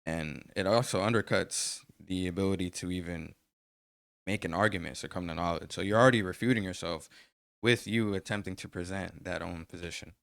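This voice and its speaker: Deep raspy guy co-hosting, arguing philosophy, kinda dismissive, dry mic. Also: fairly quick, fairly bright tone, no room sound. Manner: dismissive, argumentative. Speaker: co-host. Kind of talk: casual debate commentary.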